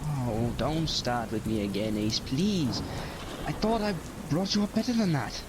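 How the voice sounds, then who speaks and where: A man's voice: mid-range voice, expressive, a little slow, background noise, lightly acted. A man playing a secretive, mournful time-travelling alien Doctor in an audio drama, speaking in a theatrical, hesitant way. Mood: flustered, defensive. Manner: hesitant, theatrical, with sighs and deflections.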